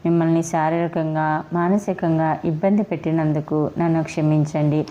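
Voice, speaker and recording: A woman's voice: deep voice, steady tone, moderate pace, dark tone, close to an everyday voice. A woman voicing a young wife who earnestly apologizes and begs her husband not to leave her, read in a storybook style. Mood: pleading. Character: young wife, remorseful and pleading. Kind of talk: storybook reading. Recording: dull lo-fi recording.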